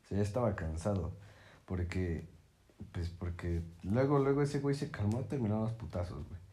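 A young man with a Mexican accent, telling a story casually with lots of slang and swearing, his pitch jumping up when excited. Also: fairly quick, slightly rough. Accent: Mexican Spanish. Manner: slangy, profane, fillers constantly.

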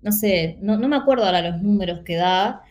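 The recording is muffled, and the woman's mid-range voice runs a little fast. She is Argentine with a Rioplatense Spanish accent, speaking earnestly and animatedly in a casual panel discussion packed with fillers.

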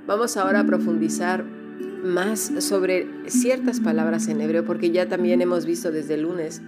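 A woman's voice: on the low side, fairly even intonation, normal speed, over loud music. A woman teaching an online Bible class, explaining word meanings and often asking rhetorical questions.

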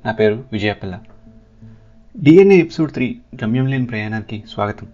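A man hosting a podcast, narrating his own story in the first person with earnest, vivid telling. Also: medium pitch. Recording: slightly dull, soft guitar behind.

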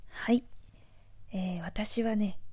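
A woman from Aichi with a Nagoya accent, hosting a podcast in a chatty, relaxed monologue with friendly asides. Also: mid-range voice, slow, slightly rough. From Aichi, Japan. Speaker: podcast host.

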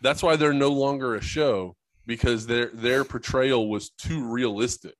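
A man co-hosting a casual sports podcast, trading crude jokes with his friend. He laughs often and swears freely in a loose, offhand way. His pitch sits in the middle range for a man. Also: measured pace, no echo. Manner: joking, laughs often, profane. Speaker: podcast co-host.

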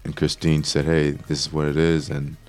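A man speaking as an interview guest in a casual conversational style, phrasing things haltingly, piece by piece. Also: a bass voice, monotone, darkish tone, smooth, soft background music.

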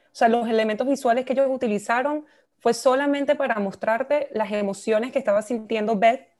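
A woman's voice: a little high, fairly quick, a little mellow. A woman co-hosting a podcast, talking casually and laughing at her own slips. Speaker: podcast co-host. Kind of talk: casual chat.

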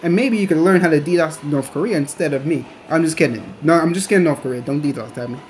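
A man's voice: on the high side, quick pace, slight background noise. A young man hosting a rambling solo podcast, talking in loose, restarting sentences. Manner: rambling, many restarts and fillers. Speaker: podcast host. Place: on his way to a train station.

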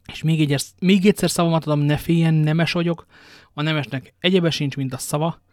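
A man's voice: fairly high pitch, fairly even intonation, darkish tone, dry recording, clean studio sound, close to an everyday voice. A man reading the part of a kindly old witness who recounts a kidnapping and reassures a young man. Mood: reassuring. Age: older.

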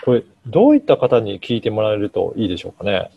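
A man hosting a podcast interview, asking questions briskly and nodding along with short replies. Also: fairly low pitch, sing-song, vocal fry, husky. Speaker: podcast host. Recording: dull lo-fi sound with faint music.

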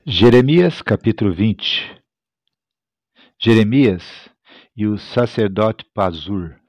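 A man's voice: medium pitch, unhurried, no echo. Male pastor, Bible reading, dramatic delivery, muffled lo-fi sound, dry. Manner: dramatic, rising to loud cries on quoted lines. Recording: dull lo-fi recording, dry.

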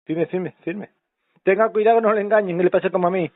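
A man's voice: high-pitched, fairly even intonation, fairly quick, no echo, natural voice. A man playing a rambling self-pitying fake doctor. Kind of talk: prank phone call. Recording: tinny phone line.

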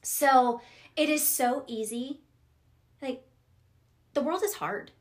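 Expressive middle-aged woman, podcast guest. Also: high voice, takes it slowly. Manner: expressive, acts out her own inner voice. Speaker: podcast guest, professional coach. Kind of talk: casual conversation.

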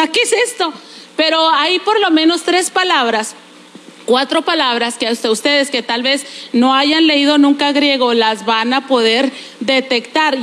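A middle-aged woman preaching a sermon, animated, with humorous asides, slowing down to spell out Greek words. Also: high voice. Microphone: recorded during a church service.

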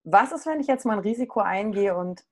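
Woman, middle-aged, coach, casual personal story, candid, animated, medium pitch. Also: a little fast.

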